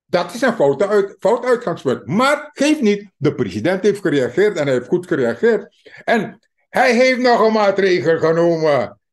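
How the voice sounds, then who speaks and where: Speaking in a high, sing-song voice, this Surinamese Dutch-accented man offers his viewers an opinion monologue on politics. His delivery is slow, emphatic and mocking, and he greets his audience as dear friends.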